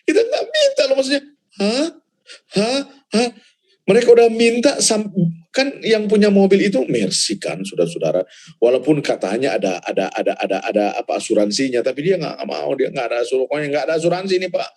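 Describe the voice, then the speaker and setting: A man, a pastor, telling a personal testimony in casual chat, animated and laughing as he goes, repeating words for emphasis. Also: medium pitch, fast talker. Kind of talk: casual testimony in a church talk.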